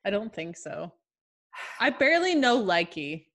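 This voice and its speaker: A woman's voice: medium pitch, big pitch swings, a little slow, fairly bright tone. A woman co-hosting a podcast in casual chat, with an informal, slangy way of talking. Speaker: podcast co-host.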